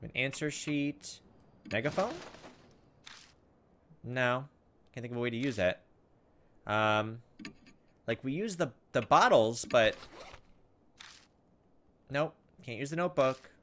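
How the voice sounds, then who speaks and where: A let's play host muses through casual gameplay commentary, thinking aloud hesitantly. His medium-pitched, fairly bright voice moves slowly with frequent pauses, and the recording is noisy.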